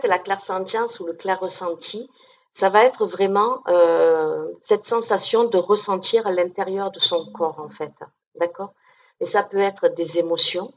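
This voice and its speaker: On a muffled recording, a woman medium speaks in a mid-range voice with a darkish tone during a casual conference talk. Her manner is chatty and down-to-earth, with lots of fillers and regular check-ins with the audience.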